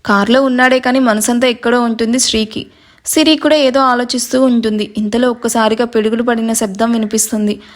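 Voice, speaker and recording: A woman narrates a romantic serial story in steady, even storytelling. Her voice sits a little high for a woman. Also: brisk.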